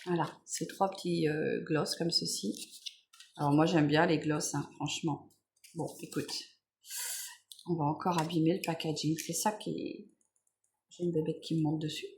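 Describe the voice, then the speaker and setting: Woman, lowish voice, casual unboxing chat, relaxed and chatty, faint background hiss. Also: moderate pace, gravelly, pauses often. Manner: chatty, relaxed, with frequent fillers and self-corrections. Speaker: beauty vlogger.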